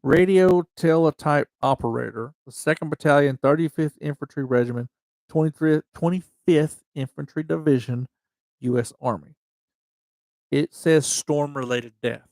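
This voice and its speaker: A man with a gravelly, fry-edged voice at a middle pitch hosts a casual livestream, reading memorial entries aloud. His speech is slightly slurred and halting, with frequent restarts and slow, careful dates. The sound is dry and close. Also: a little mellow, no echo. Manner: halting, restarts often, reads dates and units slowly. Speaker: livestream host.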